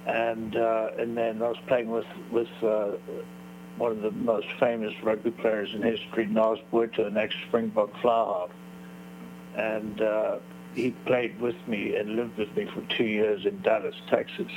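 A man's voice: lowish voice, flat delivery, measured pace, a little mellow, highs cut off, slight background noise. A man from Africa, a guest author telling his life story on a radio show in a boastful, expansive way. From South Africa. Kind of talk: radio interview.

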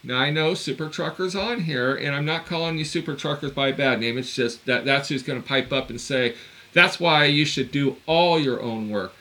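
A man's voice: on the high side, moderate pace, bright, forceful tone. Blunt, exasperated man in his fifties. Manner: blunt, exasperated storytelling with swearing. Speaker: podcast co-host. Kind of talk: casual podcast chat.

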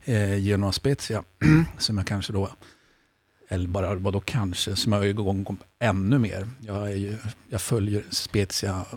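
A man talking in a casual studio chat as a betting pundit, halting and hesitant as he picks his words. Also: fairly low pitch, steady tone, no echo. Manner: hesitant, many fillers and restarts.

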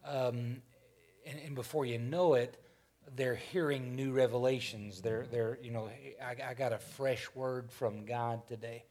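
Man, 50s, church panel host. Folksy, rambling, mid-pitched, keeps restarting lines. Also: steady tone, unhurried, darkish tone. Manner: rambling, self-correcting, folksy. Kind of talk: casual church discussion.

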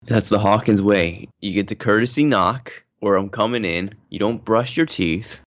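A man co-hosting a casual comedy podcast, chiming in with deadpan asides and short agreements. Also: on the low side, normal speed, dry recording. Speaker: podcast co-host. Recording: dry, dull lo-fi audio.

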